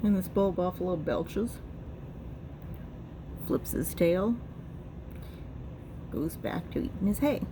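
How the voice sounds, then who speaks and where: Woman telling an old family story, rambly and relaxed, lots of "and then", faint hiss behind. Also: on the low side, slow pace, pauses often.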